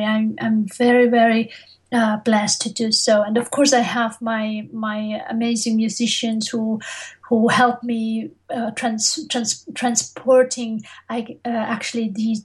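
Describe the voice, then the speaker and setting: Woman, fairly high pitch, hesitant phrasing, reflective interview talk, frequent searching for words. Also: low-quality recording. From Tibetan, living in Europe. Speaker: interview guest, mantra singer.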